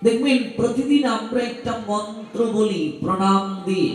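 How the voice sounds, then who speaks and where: A man with a Bangladeshi Bengali accent preaching a devotional sermon, asking rhetorical questions and chanting Sanskrit mantras slowly. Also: high voice. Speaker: scripture reader and preacher. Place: open-air festival ground at an ashram. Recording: very echoey, distant PA sound.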